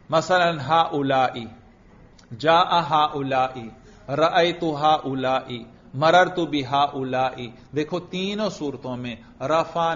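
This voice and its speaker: A man teaching grammar in a classroom lecture. He keeps asking his students questions, answers them himself, and slowly chants example phrases. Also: on the high side. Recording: dull lo-fi recording.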